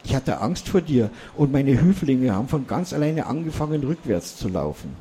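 A man's voice: medium pitch, very animated, normal speed, dark tone, slight background noise, voice pushed up. A man voicing a small, cheeky old male dwarf who lectures humans about themselves. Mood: earnest.

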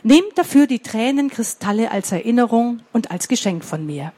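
A woman voicing a gentle, grateful unicorn with a soft, solemn delivery in a children's story. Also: on the high side, lively intonation, normal speed. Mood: tender.

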